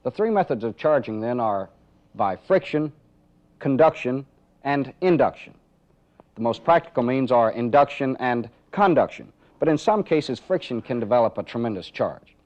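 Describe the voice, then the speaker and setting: Here a training film instructor talks through a live demonstration step by step, sometimes asking rhetorical questions. His voice is medium in pitch, expressive and slightly mellow, at a moderate pace. It comes through the dull, narrow-band sound of a 1980s training film.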